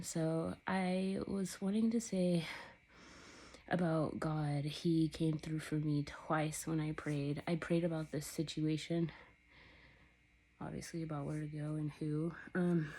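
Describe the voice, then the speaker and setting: Low, husky-voiced young woman vlogging. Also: fairly even intonation, slow pace, poor audio. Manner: rambling, candid, laughs between thoughts. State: out of breath. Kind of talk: casual personal talk to camera. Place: sunny upstairs room at home.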